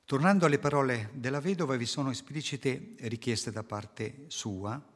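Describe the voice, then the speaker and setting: A man preaches a sermon to a congregation at a moderate pace, his voice medium in pitch. He explains scripture earnestly and poses rhetorical questions, and a long hall reverb surrounds the recording.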